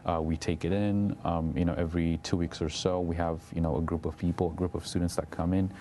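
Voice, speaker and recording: Very deep-voiced hesitant young man. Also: flat delivery, fast talker, dark tone, a little hiss or hum. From Eritrea, raised in Ethiopia. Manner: hesitant, many fillers and restarts. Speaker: interview guest. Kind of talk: TV interview.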